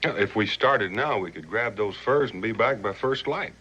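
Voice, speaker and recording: An actor playing a cunning frontier scout in a western, speaking matter-of-factly with an American accent. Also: male voice, fairly low pitch, normal speed, pushed and bright, slightly rough, lo-fi sound. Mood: brisk, persuasive. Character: cunning, plain-spoken male frontier scout. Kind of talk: scripted western screen acting.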